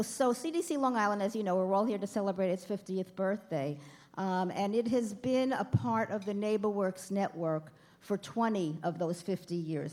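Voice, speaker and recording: A woman's voice: medium pitch, darkish tone. A woman in her fifties giving a chatty, self-deprecating speech at a gala, speaking to the crowd from a podium. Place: banquet hall.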